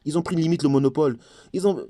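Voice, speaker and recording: A man's voice: a little high, quick pace, mellow, no room sound, clean studio sound. A man from Congo, ranting to camera to his viewers in a heated, insistent way and repeating himself. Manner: heated, insistent, repeats phrases, often talks straight to viewers. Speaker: YouTuber.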